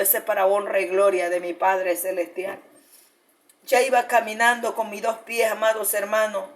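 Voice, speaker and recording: A woman pastor giving a fervent sermon testimony, often calling out to the congregation as beloved brothers and sisters. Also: mid-range voice.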